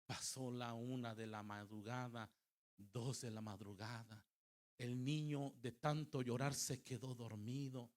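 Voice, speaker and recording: A middle-aged man preaching a sermon at a church service. He tells a story dramatically, moving from loud emphatic calls to quiet recounting. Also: mid-range voice, steady tone, a little slow. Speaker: pastor. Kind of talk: Spanish-language sermon with storytelling.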